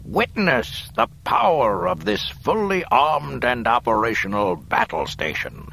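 A man voicing a sinister old emperor who gloats in a slow, drawn-out, menacing way. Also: medium pitch, very animated, gravelly, pushed and bright, slight background noise, voice pushed up, full character voice, rough recording. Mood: gloating.

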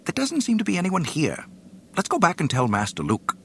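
A man's voice: high-pitched, wildly swooping pitch, moderate pace, vocal fry, fairly bright tone, slight background noise, voice pushed up, full character voice. A man voicing a fussy, anxious golden protocol robot with a prim, fretful manner.

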